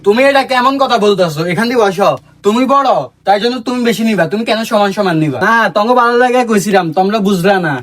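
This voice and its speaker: Sly, high-pitched, fast-talking Bangladeshi meddler acted by a man. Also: a bit bright. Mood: sly goading. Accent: Bangladeshi regional Bengali. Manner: goading, repeats himself. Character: sly meddling older man stirring up a quarrel. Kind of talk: comedy skit acting.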